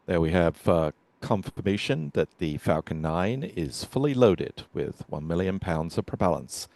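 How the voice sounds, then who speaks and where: A man giving measured, explanatory live commentary on a launch as a webcast commentator. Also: low-pitched, animated, gravelly, darkish tone, dry recording.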